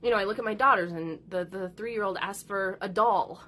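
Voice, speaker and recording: A thirtysomething mother of four, also a content creator, talks a little fast in a medium-pitched, pushed, bright voice. In this casual, chatty chat she goes on at length about her kids, often imitating what they said.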